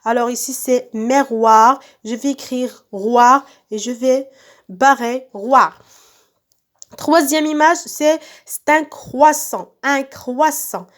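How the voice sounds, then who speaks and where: A woman teacher with a high, light voice walks young children through a workbook exercise. She speaks unhurriedly, drawing out each word and saying it twice or three times. It sounds like a phone recording made for pupils at home. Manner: slow, stretched-out words repeated for children. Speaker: primary school teacher.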